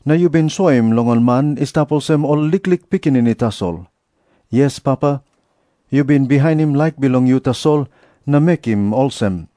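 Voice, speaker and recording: A man with a Papua New Guinean accent playing an earnest prophet who preaches deliberately in a dramatised scripture reading. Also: medium pitch, warm tone, no room sound, clean studio sound, close to an everyday voice. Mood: reverent prayer. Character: Jesus, earnest preaching prophet addressing crowds.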